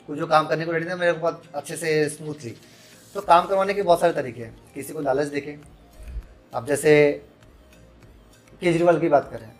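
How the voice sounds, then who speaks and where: A man in his thirties with a slightly high voice appears as a podcast guest, speaking frankly and holding strong opinions. He sprinkles English phrases into his casual interview conversation.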